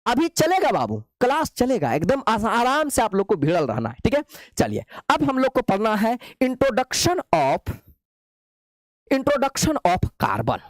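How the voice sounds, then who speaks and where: A man's voice: extremely high pitch, huge pitch swings, normal speed, dry recording. A male chemistry teacher, lecturing playfully and coaxing his students with repeated questions. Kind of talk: classroom lecture.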